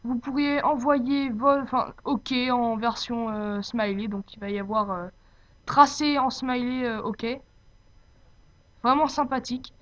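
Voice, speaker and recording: A woman giving an informal, unscripted software tutorial, speaking hesitantly as she searches for her words. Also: on the high side, measured pace. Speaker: tutorial presenter. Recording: dull lo-fi home microphone.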